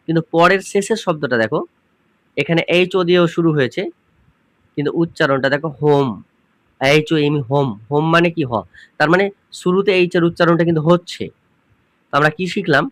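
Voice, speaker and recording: A male grammar teacher explains rules patiently, asking questions and repeating key points. His voice sits a little high. The recording is dry and close, with no room sound. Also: a bit bright, dry recording. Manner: addresses viewers informally as students.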